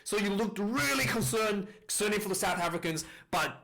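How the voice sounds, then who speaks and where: A man's voice: sits high, animated, a little fast, gravelly, fairly bright tone. A man casually reviewing a rugby match, rambling with fillers and restarts, recorded on a distorted, clipping mic. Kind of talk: casual video commentary.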